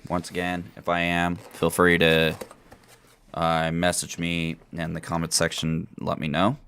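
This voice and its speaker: Deep gravelly-voiced man hosting a podcast. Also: completely flat delivery, unhurried, a bit bright, a little hiss or hum. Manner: rambling, lots of uh fillers. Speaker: podcast host. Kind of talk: casual gaming podcast chat.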